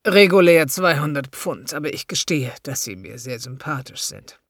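A woman voicing a smooth-talking male hypnotist who speaks slowly and coaxingly, often close to a whisper. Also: low-pitched, expressive, no room sound. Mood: smooth persuasive. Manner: slow, soft and coaxing, often near a whisper.

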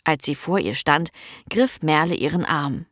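A woman reading a story aloud as narrator with expressive storytelling. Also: low voice, measured pace, dry recording, studio quality. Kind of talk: audiobook narration.

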